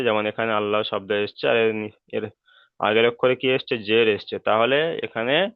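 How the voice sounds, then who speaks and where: A man's voice: medium pitch, clean tone, no echo. A man teaching Quran reading in an online lesson, explaining rules patiently and over again, and drawing out the chanted example words. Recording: dry, phone-like call audio.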